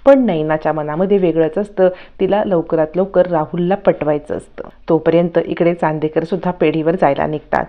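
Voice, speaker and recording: A woman narrating a recap of a TV serial episode in a steady storytelling read, quoting each character herself. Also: low-pitched, moderate pace, few pauses. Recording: dull lo-fi recording.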